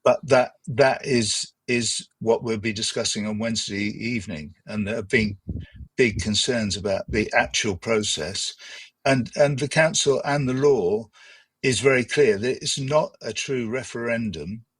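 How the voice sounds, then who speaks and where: An English man talks through a point as a local representative would. His voice is a little rough and husky, and the sound is dry with no room around it. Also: medium pitch, measured pace, dry recording, low-quality recording. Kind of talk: explanatory discussion.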